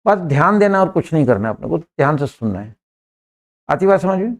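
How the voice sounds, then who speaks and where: A man's voice: a little high, big pitch swings, brisk. A man teaching an English grammar lesson in a classroom, repeating words and often checking that his students understand.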